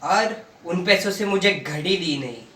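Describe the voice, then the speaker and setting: A man's voice: high-pitched, lively intonation, measured pace, pushed and bright, reverberant, far from the mic, exaggerated voice. A man playing a strict father of two in a student skit, talking sternly and scolding. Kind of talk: amateur student drama acting.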